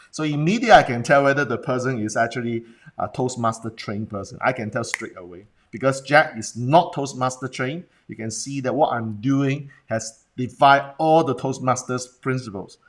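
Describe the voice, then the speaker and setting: A man with a Hong Kong accent coaching viewers on a livestream in a blunt manner, often putting questions to them and checking in. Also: mid-range voice. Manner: rhetorical questions and check-ins with the audience. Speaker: business presentation coach. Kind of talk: Facebook Live talk, coaching viewers.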